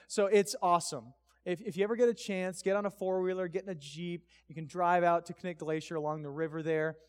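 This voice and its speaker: Chatty high-voiced male preacher. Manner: casual, chatty, many fillers and restarts. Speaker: pastor. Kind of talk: storytelling sermon. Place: church sanctuary, live service. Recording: echoey church hall.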